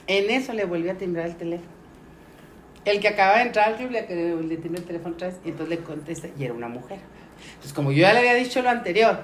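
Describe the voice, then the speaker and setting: Mexican woman telling a story in a roomy room. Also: mid-range voice. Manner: lively, acts out the voices of people in her story. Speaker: podcast guest. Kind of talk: casual storytelling. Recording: roomy recording with faint noise.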